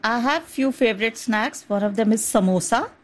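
A woman doctor explaining things in an interview, pausing and hesitating as she goes. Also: a little high, low-quality recording.

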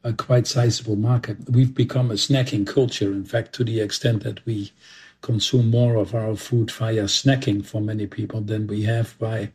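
A man, a former company executive, answering interview questions in a measured way with "uh" pauses. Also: on the low side, flat delivery, a little mellow, slightly rough.

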